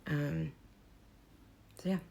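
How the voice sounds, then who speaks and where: A woman artist talking unscripted in a personal vlog, rambling with fillers and restarts, her voice hoarse, from a room at home. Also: low-pitched, fairly even intonation, drawn-out words, warm tone. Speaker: artist vlogger. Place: home room with desks and easel.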